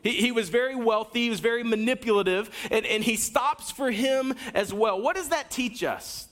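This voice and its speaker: A man giving a sermon as a pastor, preaching energetically with wide swings in pitch and loudness and talking straight to the congregation. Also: moderate pace. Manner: addresses the congregation directly, with asides and a coaching tone.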